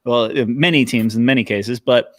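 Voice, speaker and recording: An American man talking casually as a guest panelist on a livestream, animated in telling his stories and acting out reactions. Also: medium pitch, normal speed, no room sound, clean studio sound. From Los Angeles, United States.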